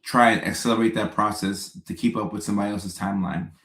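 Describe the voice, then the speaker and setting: A man, hosting a casual live stream and answering viewer questions in a relaxed, chatty way with joking asides. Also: fairly low pitch, fast talker, echoey room, poor audio.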